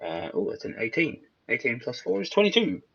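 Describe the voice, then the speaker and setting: A man's voice: medium pitch, wildly swooping pitch, a little fast, gravelly, a bit bright, husky. A man chatting casually as a player in a tabletop game, hesitant and full of fillers. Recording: dull lo-fi recording.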